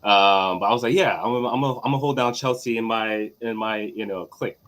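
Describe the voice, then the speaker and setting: A man's voice: fairly low pitch, a little fast. Laid-back man from Trinidad. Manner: relaxed, laughs often, many fillers. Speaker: guest. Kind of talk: casual chat.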